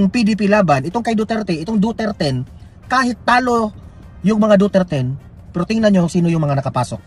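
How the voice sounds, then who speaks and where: High-pitched man ranting over music. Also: slightly rough. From Philippines. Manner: heated, mocking, pushes viewers to like and share. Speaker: news commentary vlogger. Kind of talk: opinionated political commentary.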